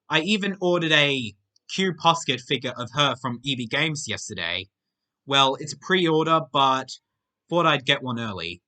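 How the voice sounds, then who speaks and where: Here a young man runs a casual Q&A monologue, voicing every viewer question out loud and then replying in a few simple words. He has a very bright, sharp voice whose pitch moves around a great deal.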